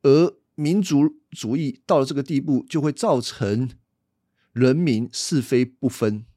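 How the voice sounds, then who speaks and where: A man's voice: mid-range voice, a little slow, dark tone, no room sound, clean studio sound. A man teaching the Bible on a podcast, explaining things conversationally and asking rhetorical questions.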